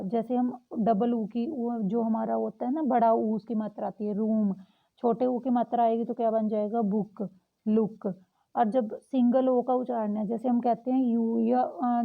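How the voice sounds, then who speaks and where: A young woman teaching a lesson, patiently repeating example words slowly. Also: a little high, vocal fry. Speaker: English teacher. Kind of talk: explaining a lesson. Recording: tinny phone-like audio.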